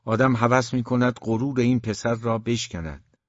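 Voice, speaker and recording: A man reading the part of a stern, hot-tempered father who scoffs and shouts. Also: medium pitch, fairly even intonation, no echo, muffled recording, natural voice. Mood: scornful. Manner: scornful, shouting outbursts.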